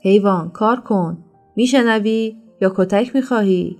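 A woman's voice: mid-range voice, dark tone, faint music behind, natural voice. A woman voicing a brutal male slave overseer who barks harsh threats in a storybook reading. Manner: harsh, menacing, barked threats.

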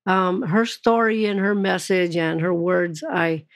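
Podcast host, a woman with a lowish voice, slow and earnest. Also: dry recording, clean studio sound. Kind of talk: podcast interview.

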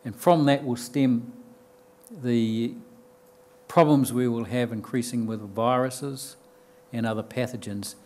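An older man with a New Zealand accent giving a conference talk from a podium, explaining plainly with frequent ums and restarts. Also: mid-range voice. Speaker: conference speaker. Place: lecture room with bookshelves and audience. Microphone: podium mic.

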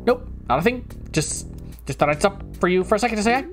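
A woman's voice: medium pitch, expressive, fast, soft background music, close to an everyday voice. A woman voicing an overly cheerful, folksy passerby with sugary, chirpy friendliness.

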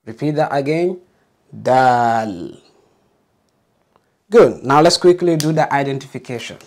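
A man's voice: on the high side, brisk, a little mellow. A man teaching a beginner alphabet lesson, patiently modeling letter sounds and encouraging learners to repeat.

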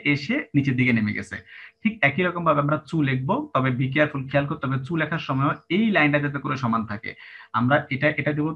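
A man's voice: a little high, slightly rough. A man teaching Japanese writing step by step, spelling out each syllable and counting the strokes aloud. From Bangladesh. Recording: dull lo-fi recording with faint hum.

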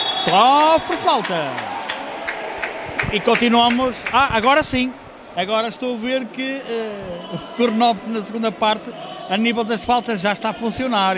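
Male futsal commentator, high voice, hesitant live play-by-play with self-corrections, recorded in a noisy sports hall. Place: indoor sports hall during a match. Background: gym noise, ball bounces.

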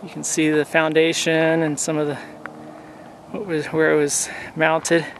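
Guy in his 40s rambling on a mountain hike, lotta ums, camera at arm's length, slightly high voice, bit of outdoor noise. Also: measured pace. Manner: relaxed, rambling with many ums. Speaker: hiking vlogger. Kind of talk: casual outdoor vlog. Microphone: camera held at arm's length.

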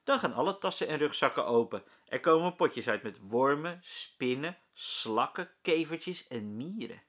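A man, a primary school teacher, reading a children's book aloud with lively, expressive storytelling. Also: a little high, unhurried.

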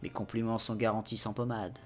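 Man playing a polite tailor, soft-spoken, ingratiating salesman, lower and quieter. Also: level tone, a little fast, music in the background, natural voice. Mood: courteous. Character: overly polite male tailor, smooth salesman.

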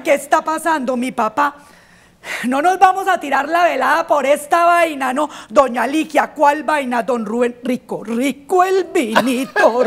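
A woman's voice: high voice, gravelly, full character voice. A woman acting out an outspoken little girl in a comic stage monologue, switching among the voices of her family. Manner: blurts embarrassing remarks, switches between family voices. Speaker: stage actress.

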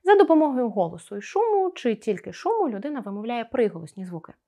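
A woman teacher giving a scripted video lesson, explaining clearly and pronouncing sounds with careful articulation. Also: a little high, fast. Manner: expressive, explaining to pupils.

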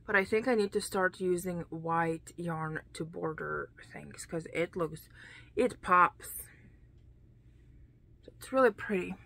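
A woman's voice: lowish voice, unhurried, creaky, few pauses. A woman crochet vlogger chatting casually to her camera at home, rambling and sometimes dropping to a whisper. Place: home room, dim.

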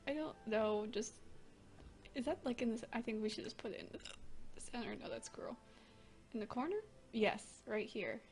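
A woman with the hiccups, chatting excitedly and giggling as she plays a game at her desk microphone. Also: on the high side, moderate pace, faint music behind. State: has the hiccups. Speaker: gaming channel host. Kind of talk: casual let's-play commentary. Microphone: desk microphone, leaning in close.

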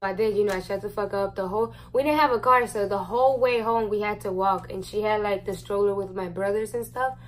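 A young adult woman vlogger at home tells a personal story while eating, candid and rambling, swearing freely and using many fillers. Her medium-pitched voice is fairly quick with few pauses, and the poor audio carries a little hiss or hum.

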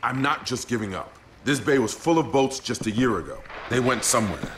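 An actor playing an earnest, worried American boat captain in a dramatic video game about surviving an apocalypse, with an insistent way of talking. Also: male voice, medium pitch, lively intonation, a little fast, noisy background, close to an everyday voice.

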